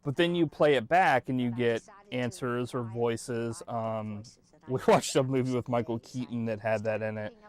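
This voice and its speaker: A man's voice: medium pitch, fairly even intonation, moderate pace, a little mellow. A man hosting a casual, jokey reaction commentary on an old show, swearing now and then and acting out mock quotes. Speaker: host reviewing an old TV show.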